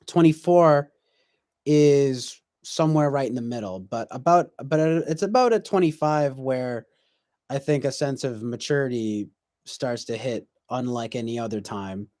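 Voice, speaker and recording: Speaking a little slowly and a little mellowly at medium pitch, a twenties-aged stream host reads viewer comments aloud and chats casually, drifting reflectively with plenty of fillers and false starts. Audio is clean and studio-made, with no room sound.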